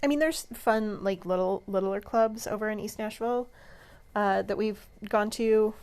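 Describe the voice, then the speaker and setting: A woman's voice: medium pitch, normal speed, a little mellow, smooth. Chatty, easygoing female podcast co-host. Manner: chatty, easygoing, lots of agreeing murmurs. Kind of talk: casual chat.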